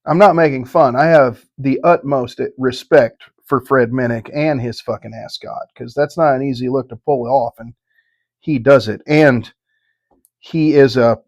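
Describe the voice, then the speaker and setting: Middle-aged man, folksy and halting. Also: medium pitch, darkish tone. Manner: profane, folksy, halting delivery. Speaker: whiskey review host. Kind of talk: casual chat, whiskey tasting review.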